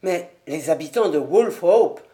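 A woman voicing an earnest young nobleman who speaks low and urgently. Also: lively intonation, measured pace, dark tone.

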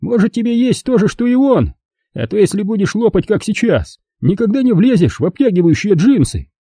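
Guy doing a loud tactless boyfriend type, smug and mocking, raised pitch, husky. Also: very animated, brisk, no echo, studio quality, heavily acted. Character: brash, tactless man, crude joker.

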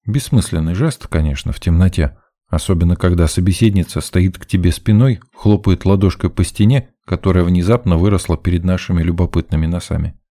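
A man's voice: sits low, brisk, dark tone, no room sound, clean studio sound. A man narrating an adventure audiobook in the first person, with a wry, conversational storytelling manner.

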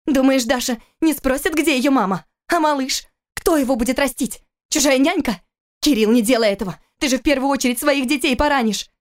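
Woman voicing a distraught pleading young wife, high-pitched. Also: fairly quick, darkish tone, natural voice. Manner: pleading, raised and shaken. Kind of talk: audiobook character reading.

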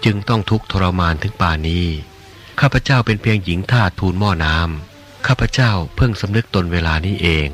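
A man voicing a grieving, lovesick young nun in an audiobook reading of a religious novel, pleading slowly through sobs. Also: fairly low pitch, lively intonation, soft background music, natural voice. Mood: pleading, tearful. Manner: slow, sobbing, pleading.

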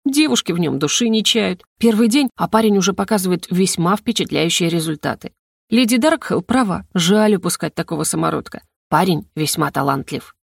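A woman voicing a composed male elf lord who serves as dean, speaking in a measured, reasoning way that can turn stern. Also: on the low side, animated, creaky, slightly rough, no echo, clean studio sound, exaggerated voice. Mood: lecturing.

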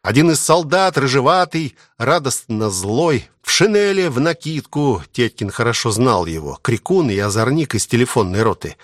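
A man narrating a novel as an audiobook, reading in an expressive, animated way. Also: mid-range voice, moderate pace, hardly any pauses, no room sound, studio quality. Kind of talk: scripted literary narration.

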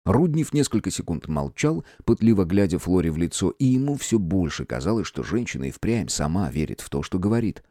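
A man narrating an audiobook with expressive, even storytelling. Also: deep voice, a little fast, few pauses, dry recording, studio quality. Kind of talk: scripted narration.

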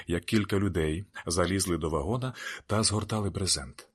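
A man with a very low voice reads a novel aloud in the first person. His narration is steady and measured, a plain audiobook reading.

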